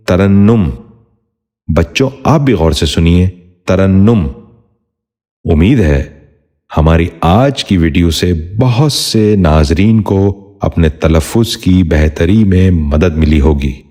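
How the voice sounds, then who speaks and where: A man narrating a scripted pronunciation lesson in a formal, measured way, repeating each word slowly. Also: low-pitched, a little mellow. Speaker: Urdu pronunciation teacher.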